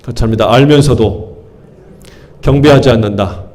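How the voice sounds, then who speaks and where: A man's voice: mid-range voice, moderate pace, a little mellow. A male pastor preaching a sermon, firing questions at his congregation and hammering key words through repetition. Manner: call-and-response questions to the congregation, emphatic repetition.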